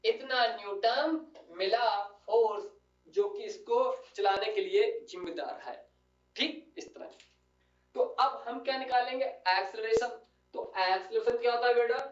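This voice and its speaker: A man's voice: very high-pitched, a little slow. A man teaches physics at a board, talking his students through each step and checking they follow. He sounds set back from the microphone in an echoey room, and the recording is dull and lo-fi. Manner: coaxing, calls students "beta" and keeps asking "clear?". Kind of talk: classroom lecture. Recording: echoey room, distant lo-fi mic.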